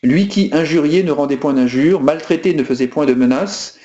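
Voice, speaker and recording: A man's voice: fairly high pitch, normal speed, dark tone, roomy sound, dull audio. A man preaching an earnest sermon as a priest, asking rhetorical questions and restarting his phrases often.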